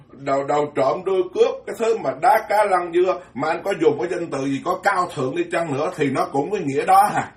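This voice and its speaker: A Buddhist monk, his voice a little high for a man, delivers a folksy Dharma talk full of jokes, tripping over repeated words as he hammers his points home. He is captured from far away in an echoey hall, with roomy reverb surrounding him.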